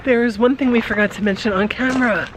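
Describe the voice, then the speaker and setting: A woman's voice: on the high side, fairly quick. A woman co-hosting a casual travel vlog outdoors, chatty and giggly, talking into a handheld camera. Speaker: vlog co-host. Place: outdoors at a wildlife preserve. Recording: outdoor wind and noise.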